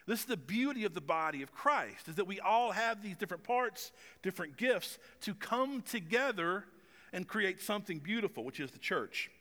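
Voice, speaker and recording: An animated man in his forties preaches from a church stage with long reverb, his high-pitched voice bright and forceful at a normal speed. He keeps the sermon conversational and self-mocking, though he stumbles a little and uses fillers.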